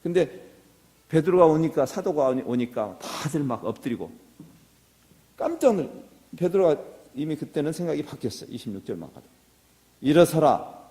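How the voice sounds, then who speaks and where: Middle-aged guy preaching a sermon, highish voice, gets fired up, long church echo. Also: very animated, fairly quick, long pauses, warm tone. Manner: earnest, rising to impassioned exhortation. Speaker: pastor. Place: church sanctuary. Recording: reverberant church hall.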